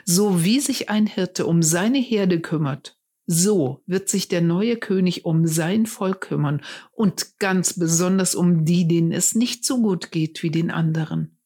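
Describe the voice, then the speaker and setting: A woman reading the part of an earnest adult male shepherd who tells his friends about an old prophecy, speaking slowly and with care. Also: lowish voice, warm tone, husky. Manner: slow, earnest storytelling.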